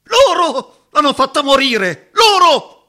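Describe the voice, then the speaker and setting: A grieving, haunted former woodsman, played by an actor, who drifts from hushed memories to sudden anguished cries. His voice is bright and lively in pitch, and he unhurriedly lets each phrase hang. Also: measured pace. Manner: emotional, swinging from hushed recollection to anguished cries. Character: heartbroken former woodsman haunted by lost love. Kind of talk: dramatic acting.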